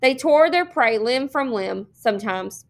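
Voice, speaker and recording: A woman teacher reading a novel aloud, with steady, expressive narration and small slips. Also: on the high side, a little slow. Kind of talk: read-aloud storytelling.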